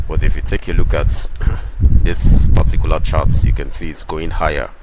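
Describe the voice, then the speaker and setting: A man giving chart commentary as a crypto host, pitching like a crypto bro in an insistent, repetitive, self-assured and emphatic way. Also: flat delivery, normal speed, heavy background noise. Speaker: crypto trading host who calls himself a prophet.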